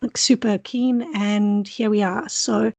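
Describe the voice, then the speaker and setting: In a conversational interview, a woman from South Africa, a doctoral student, answers with thought and candor, restarting frequently. Her mid-range voice is gravelly and a little mellow, fairly even in intonation, and she takes it slowly. The recording has no echo.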